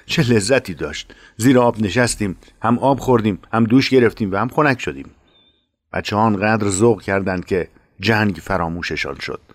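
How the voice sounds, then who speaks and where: A man narrating a war memoir in a measured, dramatic reading. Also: fairly low pitch, no echo.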